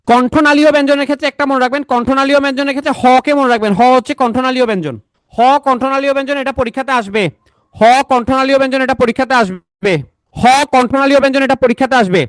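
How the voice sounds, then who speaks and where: High-voiced man drilling grammar points. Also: fairly bright tone, dry recording. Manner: repeats key points and quizzes students with questions; casual, chatty teaching tone. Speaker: grammar teacher. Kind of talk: online exam-prep lecture.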